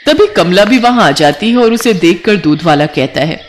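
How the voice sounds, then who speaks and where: A woman's voice: fairly low pitch, lively intonation, normal speed. Woman narrating a moral story.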